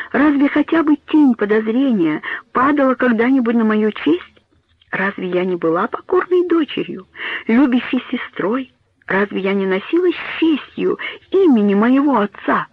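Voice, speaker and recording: A man's voice: very high-pitched, breathy edge, no room sound, pitched above the performer's own voice, exaggerated voice. A man reading a storybook voices a frantic young woman who pleads with her mother in rising, tearful tones. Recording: tinny phone-like dry audio.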